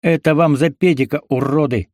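A man voicing a gruff, terse, wounded forester fighting his way out, in a dry recording. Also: fairly high pitch, steady tone, normal speed, darkish tone, no echo, voice pushed up. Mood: angry.

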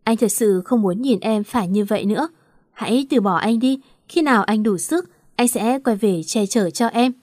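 A woman reading the lines of a grieving, remorseful young man who pleads softly. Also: on the high side, normal speed, dry recording, clean studio sound, natural voice.

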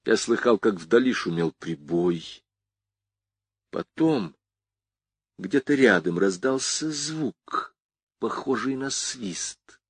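Slow, husky male audiobook narrator. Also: lowish voice, animated, dry recording. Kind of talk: scripted narration of a hardboiled crime novel.

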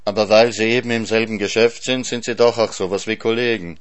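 Male audiobook narrator, lowish voice, lively storytelling. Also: fairly quick. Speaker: audiobook reader. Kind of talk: scripted narration of a novel.

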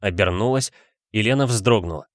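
A man reading a novel as an audiobook narrator, with a steady, even storytelling delivery. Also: fairly low pitch, moderate pace, no room sound, clean studio sound. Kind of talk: scripted narration.

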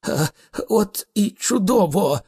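A nervous ordinary man puffs himself up and blusters in a raised, shaky voice, as a male reader puts him on. The husky tone jumps up and down. This is a storybook hero out of his depth. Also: sits high, expressive, takes it slowly, dark tone, big-room sound, voice pushed up, full character voice. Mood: indignant. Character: nervous ordinary Englishman, trembling but defiant.

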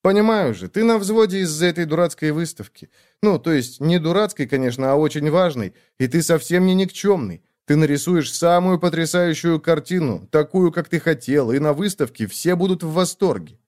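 A man's voice: fairly high pitch, lively intonation, normal speed, darkish tone, voice pushed up, close to an everyday voice. A man voicing a chatty young woman, a caring little sister who talks on and on. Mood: chatty, coaxing. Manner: talkative, eager and fussing.

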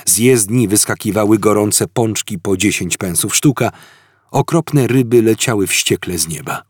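A man reading an audiobook in an expressive, animated style. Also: on the low side, normal speed, slightly rough, no echo, clean studio sound. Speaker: audiobook narrator. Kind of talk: audiobook narration.

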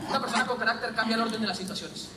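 A man giving an animated motivational seminar talk full of stories and jokes to a live audience. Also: extremely high pitch, rapid-fire. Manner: animated, storytelling, jokes with the crowd. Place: large hall with an audience. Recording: echoey hall, distant mic, crowd and noise.

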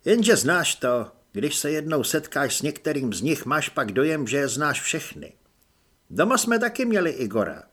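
A man's voice: fairly high pitch, sing-song, fairly bright tone, husky, heavily acted. A man voicing a pompous young male vampire recruit in an audiobook, speaking with smug superiority.

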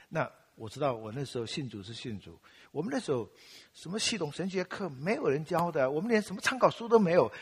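A man's voice: fairly high pitch, breathy edge, in a large hall. An older man from Taiwan preaching, telling his own story with self-mocking humor and acting out his past prayers. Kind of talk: sermon with personal testimony.

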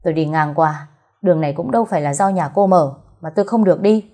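A woman's voice: on the low side, quick pace, mellow, close to an everyday voice. A woman voicing a cold, curt, hot-tempered young man, the male lead of a romance story. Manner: curt and cold, barking when angry.

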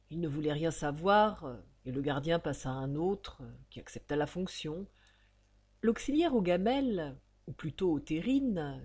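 A woman narrating a story as an audiobook reading, in a measured storytelling manner. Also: on the low side, a little mellow, breathy edge.

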